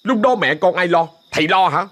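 A man's voice: expressive, brisk, a bit bright. A man voicing a nervous young male debt collector who whines and frets. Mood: whining. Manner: high, whiny, fretful.

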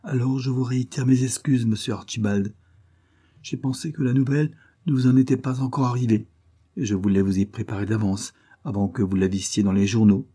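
A man's voice: medium pitch, steady tone, a little fast, dark tone, husky, voice pushed up, natural voice. A man voicing a timid, fussy old clerk who talks in apologetic, roundabout circles in a storybook reading.

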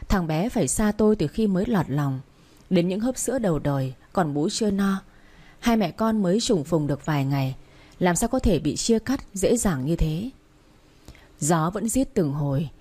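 A woman narrates a first-person story as an audiobook, with a low, dark and mellow voice. Her reading is earnest and emotional, steady in its pacing. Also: breathy edge.

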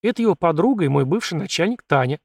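Brisk young woman in an audiobook, voiced by a male narrator; coaxing, in a dry, close sound. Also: a little high, expressive, dry recording. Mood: lively. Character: lively bold young woman, court lady-in-waiting.

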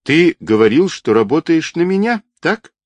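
A man voicing a lively, headstrong young woman who talks cheerfully but insistently. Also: fairly high pitch, moderate pace, no echo, voice pushed up.

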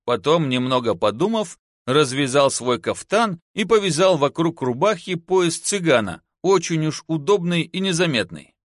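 Brief: male audiobook reader, lively expressive delivery, dry close sound. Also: a little high, moderate pace, few pauses, no echo. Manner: expressive storytelling. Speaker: narrator. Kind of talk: audiobook reading.

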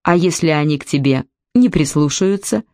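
A woman's voice: low-pitched, moderate pace, darkish tone, no echo. Sarcastic, mocking young woman read by a woman narrator, dry close recording. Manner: mocking, ironic.

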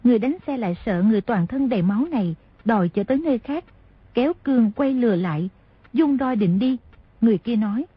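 A woman reads a martial-arts novel aloud in a steady storytelling manner. Her voice is very breathy and raspy, a touch high, and sounds dry and close. The audio is dull and lo-fi. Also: fast, no room sound. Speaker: narrator.

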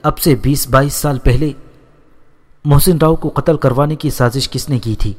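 A man doing a calm, defiant landlord's son. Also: medium pitch, close to an everyday voice. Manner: firm, steady, unshaken. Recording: long reverb.

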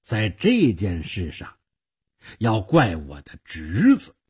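A man voicing a shrewd, wealthy older uncle who talks in a measured, quietly persuasive way, with a husky voice. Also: fairly low pitch, wildly swooping pitch, voice pushed down, exaggerated voice. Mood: calm scheming.

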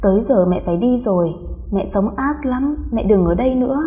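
A woman voicing the ghost of a dead child who speaks through a young woman, pleading in a slow, eerie half-whisper. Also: on the high side, warm tone, breathy edge.

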